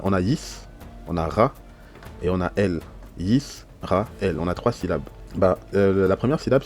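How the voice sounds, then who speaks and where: A man's voice: deep voice, darkish tone. A man teaching an online language lesson, explaining patiently step by step and often checking that his listeners follow. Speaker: Hebrew teacher.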